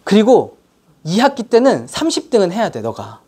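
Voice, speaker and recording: A woman acting out a blunt high school teacher, speaking lower and firmly. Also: huge pitch swings, moderate pace, mellow, breathy edge, heavily acted. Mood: stern.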